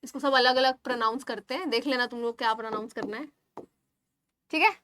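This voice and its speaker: High-voiced woman teaching biology. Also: bright, forceful tone, a little hiss or hum. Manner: repeats terms slowly, checks in with "ठीक है?"; writes on screen while explaining. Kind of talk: online exam-prep lecture.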